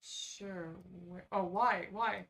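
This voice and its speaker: Her voice sits in the middle range, fairly bright but edged with vocal fry, and she talks very slowly into a mic set at a distance. The woman runs a laid-back livestream where she reads quizzes aloud and drops sarcastic, off-the-cuff remarks.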